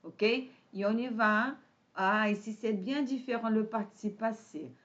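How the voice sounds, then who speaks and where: A woman with a Brazilian Portuguese accent teaching an online French lesson, patient, with pauses and fillers. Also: fairly high pitch, a bit bright. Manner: switches to Portuguese to explain. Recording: dull lo-fi sound.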